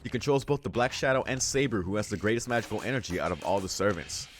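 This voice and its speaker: This let's play host reads game text and reacts with informal exclamations in between. He has a lowish voice, lively intonation and a fast pace, and there's a slight hiss or hum in the recording.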